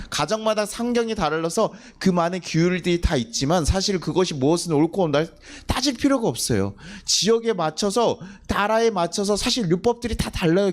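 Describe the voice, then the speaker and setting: Animated male pastor preaching a sermon. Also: sits high. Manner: asks the congregation questions and answers them himself; acts out quoted family scolding in a livelier voice. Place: church sanctuary.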